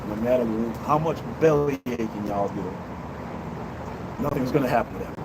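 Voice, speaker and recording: A livestream host in his fifties talks straight to his audience from a city balcony, his opinions blunt and preachy. His voice is mid-range and his pace normal. The recording is full of loud traffic and street noise from outside.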